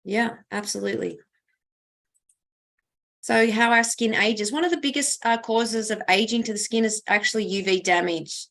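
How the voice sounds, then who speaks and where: A woman presenting skincare information in a steady, explanatory way with some fillers. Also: a little high, normal speed.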